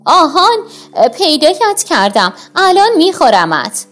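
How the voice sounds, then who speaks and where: A woman's voice: extremely high pitch, very animated, fairly bright tone, faint music behind, voice pushed up, full character voice. A bossy selfish housewife, as a woman puts her on. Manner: bossy, insistent.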